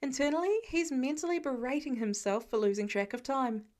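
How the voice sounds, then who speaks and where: Reading fiction aloud line by line, this female audiobook narrator has a voice pitched a bit above the typical woman's. Her scripted storytelling is a little quick and slightly mellow.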